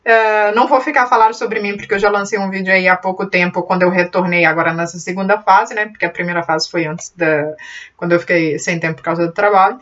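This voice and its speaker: A woman born in Brazil and raised in Portugal, with an accent mixing both kinds of Portuguese, hosts a beginners' computer channel and chats to camera about it. Her voice is lowish, a bit bright and fairly even, and she talks fast in a chatty, encouraging way full of fillers and restarts. She sits a little back from the mic in a dull, lo-fi home recording.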